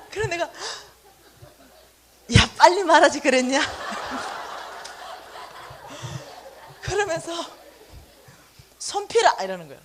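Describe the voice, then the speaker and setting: A middle-aged woman giving a church finance lecture as lively storytelling, acting out dialogue with exaggerated voices. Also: sits high. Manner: animated, acts out dialogue with exaggerated voices and laughs.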